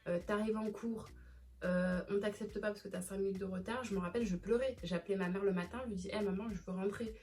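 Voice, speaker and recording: Une jeune femme qui raconte une anecdote personnelle dans une vidéo, sur un ton de conversation décontractée, avec beaucoup d'hésitations et de reprises. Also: female voice, mid-range voice, steady tone, fast, darkish tone. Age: young adult. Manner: chatty, many fillers and restarts. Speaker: vlogger. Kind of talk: casual storytime.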